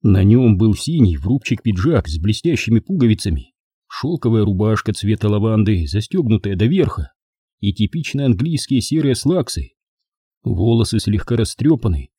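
A male narrator reads a first-person crime story with a husky, mellow voice. His delivery is animated, with pitch moving over a wide range. The recording is dry and close. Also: no echo. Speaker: audiobook narrator.

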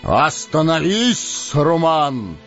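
A male narrator voicing a stern, wise old male wizard who speaks in a booming, deliberate way. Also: animated, heavily acted. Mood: commanding. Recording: dull lo-fi audiobook with faint music.

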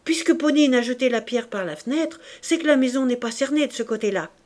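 A woman reading a scheming middle-aged male gang leader, talking loud, urgent and scornful. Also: high voice, animated, fairly quick, voice pushed up.

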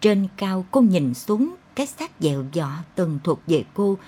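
Husky woman reading a dark story. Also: medium pitch, sing-song, a little slow. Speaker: narrator. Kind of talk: dramatic audiobook narration.

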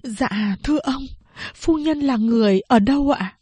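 A woman's voice: high-pitched, a little slow, a little mellow, breathy edge, no room sound, voice pushed up. A woman voicing a poor, humble mother who speaks tearfully and pleadingly in a storybook reading.

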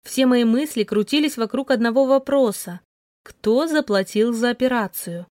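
A young woman reading a first-person story aloud in an even, introspective voice. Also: a little high, moderate pace, dry recording, studio quality. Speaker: narrator. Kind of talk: first-person audiobook narration.

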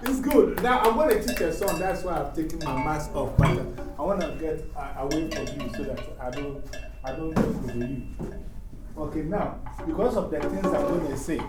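A man with a Ghanaian accent teaching a call-and-response song, patient and quick to laugh. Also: on the high side, over loud music. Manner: laughs often, patient explaining. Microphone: far from the mic. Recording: echoey room, from far off, noisy.

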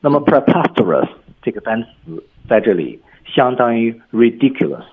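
A male English teacher with a husky voice, patiently explaining words in a radio lesson over a tinny phone-like line. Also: medium pitch, sing-song, moderate pace.

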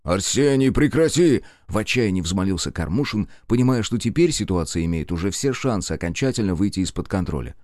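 A man narrating a story in scripted audiobook style, expressive and close to the mic. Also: sits low, fast, hardly any pauses, no echo.

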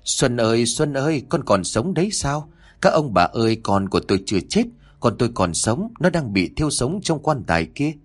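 A man's voice: lowish voice, animated, brisk, husky. A man voicing a frantic old father who cries out and pleads in grief over his son. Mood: wailing. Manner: wailing, desperate cries.

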